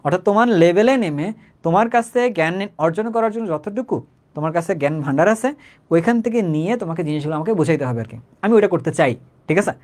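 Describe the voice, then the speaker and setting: A man's voice: a little high, expressive, rapid-fire, a little mellow. A man, teaching chemistry in an online lecture in a conversational way, repeating phrases and often checking whether students understand.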